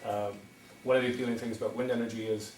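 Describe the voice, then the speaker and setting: Fast and darkish in tone, this lowish male voice shows little pitch movement. The speaker is a middle-aged Irishman from County Wexford, a wind energy developer giving a faltering town meeting talk with ums and restarts. Slight background noise accompanies the distant recording of an echoey hall.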